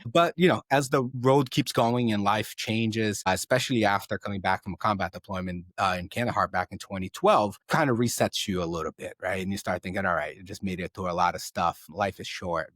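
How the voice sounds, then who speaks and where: A man in his thirties, raised in Brazil, telling his story in a casual interview, energetic, often adding "right?" and repeating words. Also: low voice, no room sound. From Southeast Brazil. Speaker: guest.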